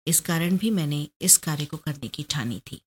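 A woman narrating a story aloud in a steady, measured way. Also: low voice, slightly rough.

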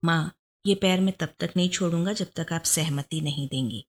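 An affable, well-off young man, played by a woman reading a story. He jokes warmly and speaks with earnest feeling. The voice stays close to the narrator's own, slightly low. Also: moderate pace. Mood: warm, joking. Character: rich affable young man, warm and joking.

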